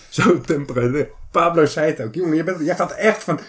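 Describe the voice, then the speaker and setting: Animated street-slang man in an echoey room. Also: on the high side, moderate pace. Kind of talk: casual chat, storytelling.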